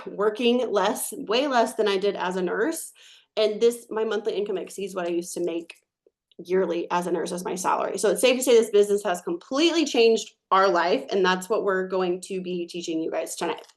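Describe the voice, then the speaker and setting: Woman in her thirties, earnest presenter telling her own backstory, middle-pitched voice. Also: normal speed. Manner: earnest, storytelling. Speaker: webinar presenter. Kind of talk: personal success story.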